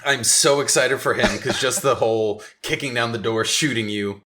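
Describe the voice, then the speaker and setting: A man's voice: mid-range voice, moderate pace, bright, forceful tone, slight background noise. A man co-hosts a casual podcast, joking and teasing his partner with easy laughs. His voice is mid-range and plain, close on a podcast mic. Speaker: podcast co-host. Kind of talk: casual gaming chat.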